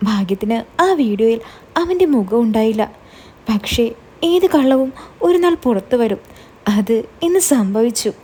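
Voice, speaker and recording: A kind, protective middle-aged man speaks gently and reassuringly, as a woman narrator voices him. The voice stays mellow and a little husky, close to the storyteller's own. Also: on the high side, lively intonation, moderate pace. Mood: persuading. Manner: gentle, consoling. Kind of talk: storytelling, quoted dialogue.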